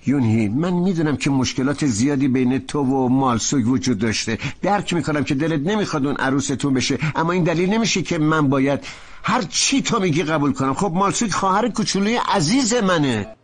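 A man dubbing a level-headed husband who reasons gently with his wife. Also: fairly high pitch, expressive. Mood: reasoning. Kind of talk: Persian dubbing of a TV drama.

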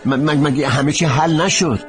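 A man's voice: on the high side, natural voice. An actor dubbing a hesitant, stammering young husband caught between his wife and mother, with music behind him. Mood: flustered. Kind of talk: Persian dub of a TV drama.

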